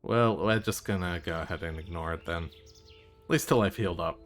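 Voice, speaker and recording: A man streaming a game live, tossing off dry, wry remarks and the odd curse. His voice sits a little low, and faint game music plays underneath. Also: normal speed. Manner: wry, offhand, swears freely. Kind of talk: casual live game commentary.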